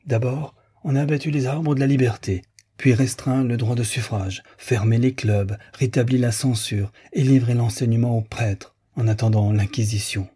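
A man's voice: medium pitch, steady tone, normal speed, mellow, slightly rough, lightly acted. Man voicing a plaintive, despairing young idealist. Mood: indignant. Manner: plaintive, pleading. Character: distraught earnest young male idealist.

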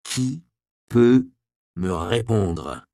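A man's voice: fairly low pitch, big pitch swings, takes it slowly, creaky, warm tone, no echo, studio quality, heavily acted. A man voicing an angry apothecary who speaks in curt, menacing lines. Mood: stern. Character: angry grown male apothecary.

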